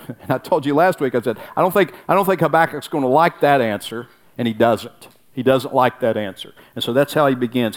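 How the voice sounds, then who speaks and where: A man preaching a sermon, acting out anguished prayers in a raised voice. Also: medium pitch. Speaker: pastor.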